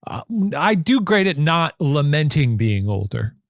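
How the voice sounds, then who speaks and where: A forty-year-old man co-hosting a podcast in easy, rambling chat. His voice sits a bit high and swoops widely as he talks. The sound is close and dry. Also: a little slow, no echo. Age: 40s. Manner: animated, rambling storyteller with frequent laughs and restarts. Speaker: podcast co-host. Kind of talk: casual chat.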